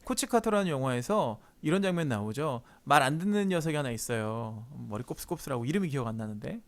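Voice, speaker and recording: A man's voice: medium pitch, fast. A man preaching a conversational youth sermon as a pastor, telling stories and acting out quoted voices. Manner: animated storytelling, acts out quoted voices.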